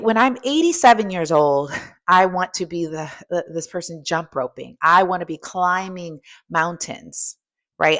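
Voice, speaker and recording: This strength coach and host, a woman in her fifties, has a voice on the low side with a fairly bright tone. She gives an emphatic motivational talk and keeps asking the listener pointed questions.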